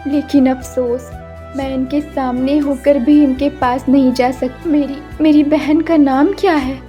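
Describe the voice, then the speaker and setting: A woman's voice: high voice, fairly even intonation, a little slow, dark tone, dull audio, faint music behind. A woman voicing a sorrowful young woman trapped as a flower in a cartoon story, speaking in a wistful inner monologue.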